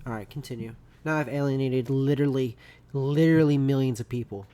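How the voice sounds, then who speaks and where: A man co-hosting a casual podcast chat who rants loudly, swears and jokes around. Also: mid-range voice, fairly quick. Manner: loud, joking, profane rants with mock voices. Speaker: podcast co-host.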